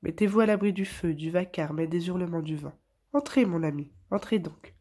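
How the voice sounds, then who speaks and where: A woman's voice: lowish voice, brisk, warm tone, breathy edge. A woman voicing a patient male wombat who welcomes guests in a sing-song way. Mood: welcoming.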